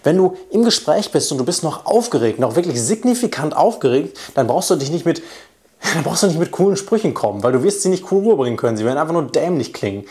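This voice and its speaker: A man's voice: a little high, very animated, fast, darkish tone. A young man as a dating coach talking straight to the camera in a casual way, acting out quoted lines in changed voices. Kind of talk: direct-to-camera coaching talk.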